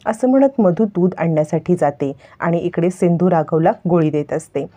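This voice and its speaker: A woman's voice: lowish voice, normal speed, warm tone. A woman retelling the scenes of a television serial as a story, voicing the characters' lines along the way. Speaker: narrator.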